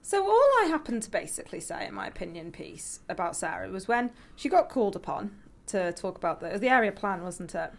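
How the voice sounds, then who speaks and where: A woman's voice: mid-range voice, sing-song, brisk, creaky. A woman co-hosting a podcast, telling anecdotes in casual, informal conversation. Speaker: podcast co-host and opinion writer.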